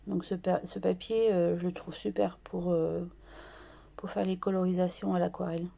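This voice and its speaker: A woman hosting a craft tutorial, slowly talking through her art journal steps with many pauses and restarts. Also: on the low side, level tone, vocal fry, warm tone. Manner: slow and hesitant, many fillers and restarts.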